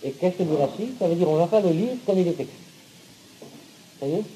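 A Hebrew and Torah teacher lectures his class, checking often that they follow, stumbling over fillers and repeated words, and tossing in blunt, sarcastic remarks. His high-pitched voice is dark-toned, expressive, and fast, in a low-quality recording with slight background noise.

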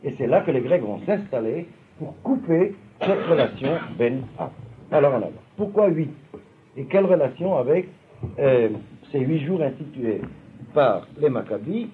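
Lively tinny-sounding male Talmud teacher. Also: medium pitch, moderate pace. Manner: explanatory, often checks understanding with the class. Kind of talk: Talmud class lecture. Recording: tinny lo-fi recording with faint noise.

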